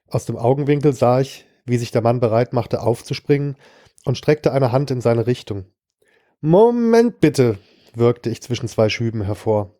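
A man's voice: mid-range voice, dark tone, dry recording. A man reading a short story aloud in the first person, with a dry, sardonic delivery. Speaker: narrator. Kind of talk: scripted narration of a short story.

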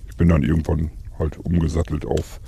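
Very deep, gravelly raspy man. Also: little pitch movement, a little fast, dark tone, a little hiss or hum. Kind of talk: in-character survival role-play chat.

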